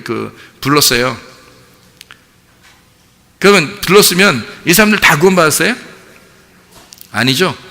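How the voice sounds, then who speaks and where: A man preaching with a bright, forceful voice that sits a little high for a man. His delivery is animated, and he acts out little voices of a parent and child. The sound carries a long church hall reverb. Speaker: pastor. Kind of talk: sermon. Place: church sanctuary.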